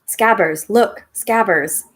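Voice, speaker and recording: A woman voicing an excitable teenage boy wizard who speaks eagerly and loudly. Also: medium pitch, slow, breathy edge, voice pushed up. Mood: frantic. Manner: eager, loud and agitated.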